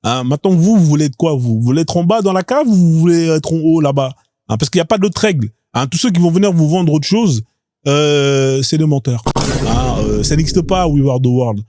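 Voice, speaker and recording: Man, live-stream host, high voice, blunt crude talk, dry close-mic sound, rhetorical questions. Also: animated, a little fast, mellow, no room sound. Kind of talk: casual live-stream commentary.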